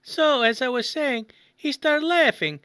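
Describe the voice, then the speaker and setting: A brash Italian immigrant host with a thick accent brags and rambles in broken English, as a performer puts him on. The tone is bright and pushing, recorded close and dry with no room sound. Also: sits high, a little slow, no echo. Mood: boastful. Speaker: podcast host. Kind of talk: improvised comedy monologue.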